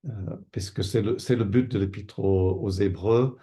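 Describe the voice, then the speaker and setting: A man's voice: fairly low pitch, fairly even intonation, moderate pace, warm tone. An older man from Canada, a pastor and Bible teacher, answering interview questions thoughtfully, with many fillers and restarts. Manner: thoughtful, hesitant with many fillers and repeated words.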